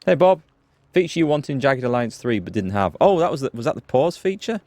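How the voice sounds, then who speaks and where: A man at medium pitch sounds very animated and brisk, with a darkish tone. As a gaming streamer doing live let's play commentary on a strategy game, he talks casually, thinks aloud and greets his viewers by name.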